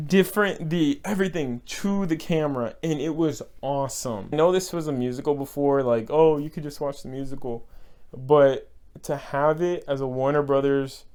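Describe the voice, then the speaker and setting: A young Texan's casual film review comes across as earnest and emotional, with repeated words for emphasis and short bursts of laughter. His voice is mid-range, clear, resonant, and a little mellow.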